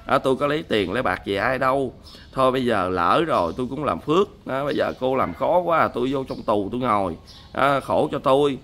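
A man's voice: medium pitch, expressive, fairly quick, fairly bright tone. A man mimicking a self-pitying male quack healer who pleads and wheedles in a whining voice. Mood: pleading.

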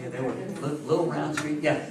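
Speaking at normal speed in a slightly high, creaky voice, a man in his seventies gives a history talk to a seated audience in a meeting room. He tells anecdotes animatedly, repeats phrases for emphasis and answers audience questions in this informal lecture. Crowd noise and roomy echo come through the distant camera mic.

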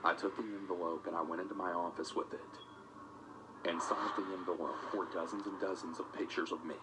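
Male narrator, very low voice, scripted first-person telling, steady and plain, music bed behind. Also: brisk. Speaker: narrator of an animated story. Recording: music playing under the voice.

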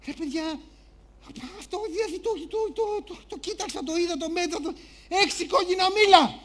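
A flustered, bewildered contestant, played by a male speaker, tripping over his words and repeating himself. He talks low and under his breath, as if arguing with himself, and sinks to a near whisper. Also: fairly bright tone. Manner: hesitant, stammering, muttering to himself. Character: anxious bewildered man, a game show contestant.

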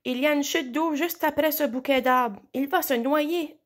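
A woman's voice: high voice, normal speed, voice pushed up, natural voice. Louve, a brave young she-wolf, voiced by a woman. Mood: worried.

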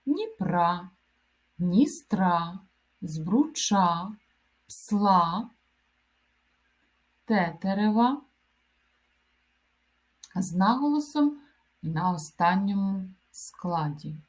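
Woman teacher, grammar lesson; unhurried, measured word-by-word delivery. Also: medium pitch, big pitch swings. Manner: slow, deliberate dictation-like delivery. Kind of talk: grammar lesson, reading example word lists.

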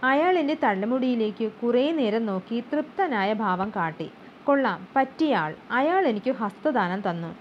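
A woman narrates an audiobook in a steady, clear manner. Her voice sits fairly high, and the recording is slightly dull, with a faint hum underneath. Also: unhurried, hardly any pauses. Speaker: audiobook reader. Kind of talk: storybook narration.

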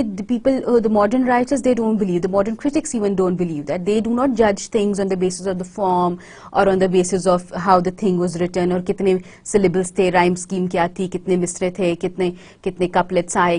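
A woman's voice: on the low side, fairly even intonation, dark tone. A woman lecturer giving a recorded university lecture. She switches between Hindi-Urdu and English and often stops to check that the class follows. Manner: slow deliberate English phrases, quick runs in Hindi-Urdu.

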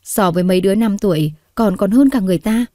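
A woman reads a patient mother from a storybook, coaxing her child in an earnest voice. The sound is mellow and dry. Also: medium pitch, quick pace, no echo, natural voice.

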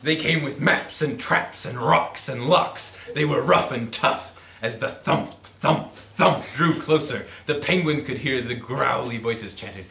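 A young man reads a picture book aloud to his friends, giving it a playful, animated delivery in a mid-range voice at a measured pace with few pauses. He's recorded in a small apartment living room with a kitchen by a camera a few metres away, so the sound is echoey and distant but clear of noise.

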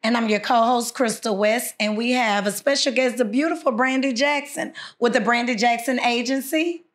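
Brief: upbeat woman co-host, fairly high voice, encouraging. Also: normal speed. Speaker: podcast co-host. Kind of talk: casual interview. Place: small studio room, seated.

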